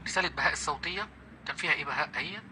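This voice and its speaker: A man's voice: a little high, very fast, pushed and bright, a little hiss or hum. A man with an Egyptian accent hosting a live call-in debate, taunting and mocking the caller with laughter. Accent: Egyptian Arabic. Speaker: live-stream host.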